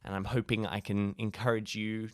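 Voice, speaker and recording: Speaking to camera in a relaxed, vlogger-style way, a man hands out friendly advice with jokes and self-deprecating humor. His voice is on the low side and his delivery flat, at a normal pace, recorded in studio quality with no room sound.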